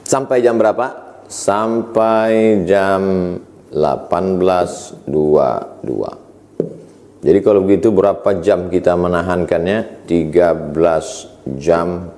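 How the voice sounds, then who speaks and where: Mellow-voiced man preaching animatedly. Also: low voice, slow. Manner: animated, asks rhetorical questions and answers them himself; recites Arabic verses then translates them. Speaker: Islamic preacher. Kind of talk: religious lecture.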